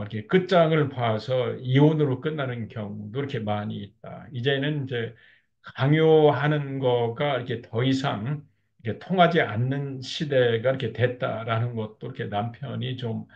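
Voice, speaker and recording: Male marriage counselor, lecture delivery, gravelly, slightly muffled lo-fi audio. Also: mid-range voice. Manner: steady explanatory tone with frequent fillers like "이렇게". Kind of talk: lecture on couple communication.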